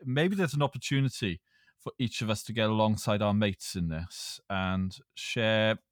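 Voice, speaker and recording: A man with a Welsh accent hosting a casual podcast chat in a hesitant, halting way. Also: fairly low pitch, no echo, studio quality. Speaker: podcast host.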